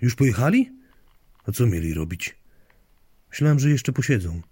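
A man's voice: mid-range voice, sing-song, moderate pace, mellow, slightly rough, no echo, studio quality, pitched above the performer's own voice. A man voicing a grumpy, cursing grandmother in an audiobook story, snapping and muttering. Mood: coaxing. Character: grumpy foul-mouthed grandmother obsessed with a mole.

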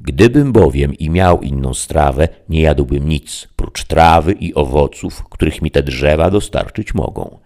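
A man's voice: rumbling low, expressive, unhurried, hardly any pauses, darkish tone. A man voicing a lofty, solemn old knight in a stately, declamatory manner, reading an audiobook.

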